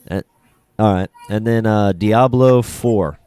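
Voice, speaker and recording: A man's voice: on the low side, slow pace, dark tone, clear, resonant tone, no room sound. A man co-hosting a casual podcast chat, reading out game blurbs in a dry, dismissive way. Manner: dry and dismissive, skims text aloud. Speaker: podcast co-host.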